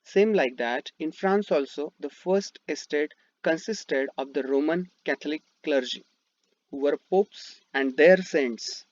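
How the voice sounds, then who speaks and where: A man's voice: a little high, a little slow. A man with an Indian English accent and Marathi as his first language, teaching a history lesson over slides, with rhetorical questions and frequent fillers. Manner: explains step by step, asks rhetorical questions, frequent fillers and restarts. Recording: dull dry lo-fi voice-over.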